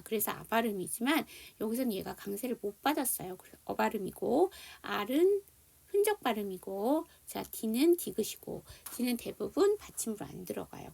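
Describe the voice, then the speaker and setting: A woman's voice: a little high, gravelly, darkish tone, slightly rough. A woman teaching an online English phonics lesson, explaining spelling and sounds and leading students through repetition drills.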